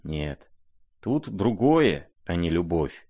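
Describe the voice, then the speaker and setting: A man playing a gentle, troubled young nobleman who speaks quietly and pleadingly. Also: low-pitched, very animated, slow, lo-fi sound, heavily acted. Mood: sorrowful.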